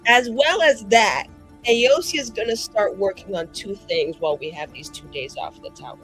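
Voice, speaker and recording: A young woman chats casually and excitedly while playing a tabletop game, theatrical, sweary and mischievous. Her medium-pitched voice is animated and at a normal speed. The recording is rough, with faint music softly playing behind her.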